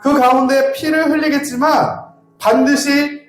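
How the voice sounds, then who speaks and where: A man preacher giving a sermon that builds into impassioned, shouted prayer. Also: very high voice, level tone, unhurried, roomy sound, faint music behind. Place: church sanctuary.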